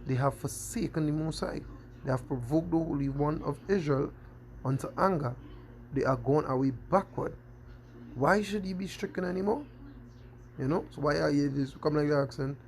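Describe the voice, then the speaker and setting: A man's voice: fairly high pitch, normal speed, darkish tone, a little hiss or hum. A man preaching a scripture-quoting sermon, constantly asking "you understand?". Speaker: street preacher.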